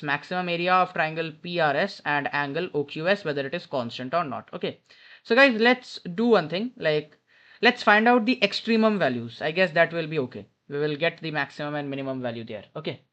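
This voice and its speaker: Dull, lo-fi headset audio captures a man tutoring maths casually from an airport lounge. His voice is a little high, fairly quick and a bit bright, and he reasons out loud through a problem, frequently correcting himself.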